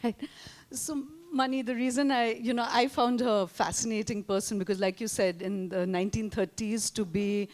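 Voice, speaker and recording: A woman's voice: on the high side, fairly even intonation, moderate pace, a little mellow. A woman, conducting a conversational live interview.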